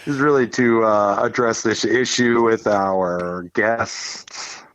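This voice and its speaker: A man's voice: fairly low pitch, fairly even intonation, takes it slowly, fairly bright tone. A man guesting on a podcast in casual chat, joking in a dry, mock-official way. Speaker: podcast guest, company co-owner.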